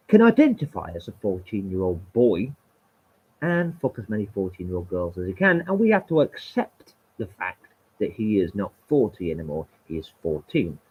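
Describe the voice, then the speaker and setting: A man holds forth on a live stream in a heated, sweary rant. His husky voice swings up and down with animated emphasis. The lo-fi recording sounds dull and muffled. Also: fairly low pitch. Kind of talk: ranting live stream monologue.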